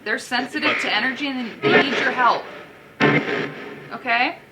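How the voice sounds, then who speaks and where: A high-pitched woman works as a paranormal investigator, speaking directly to spirits. She coaxes them with conversational questions. The location recording is very noisy. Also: moderate pace. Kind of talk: addressing spirits aloud during an investigation.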